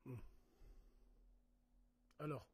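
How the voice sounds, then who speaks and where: A man's voice: very slow, no room sound, studio quality. A man doing a casual livestream rant. He talks straight to his viewers, swears a lot and gets worked up. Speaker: live streamer.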